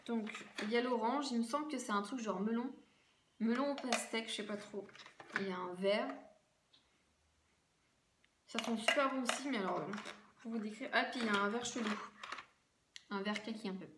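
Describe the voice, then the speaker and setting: French woman vlogger, rambling casual chat, higher voice, echoey room with faint hiss. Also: normal speed, pauses often. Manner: chatty, rambling, many fillers. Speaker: beauty vlogger. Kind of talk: casual haul video chat.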